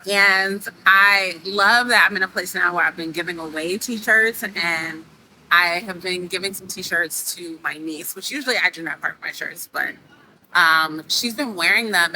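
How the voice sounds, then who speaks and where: A woman with a lower but bright, forceful voice talks in an animated way, with faint background hum. Her pitch swoops up when she makes a point. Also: poor audio. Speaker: interviewee. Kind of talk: interview.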